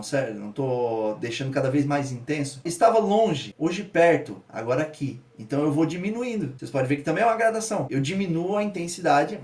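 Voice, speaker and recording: Brazilian male teacher, quick and a bit high-voiced, explanatory lecturing manner, echoey room, mic at a distance. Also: a little mellow. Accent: Brazilian Portuguese. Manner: explanatory, asks rhetorical questions. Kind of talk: lecturing a grammar lesson.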